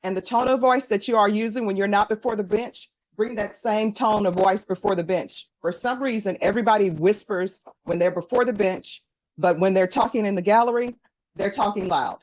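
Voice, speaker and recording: A woman's voice: mid-range voice, moderate pace, darkish tone, poor audio. Firm woman judge running a courtroom. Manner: firm, instructing. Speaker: judge presiding over a court hearing. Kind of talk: formal courtroom proceedings.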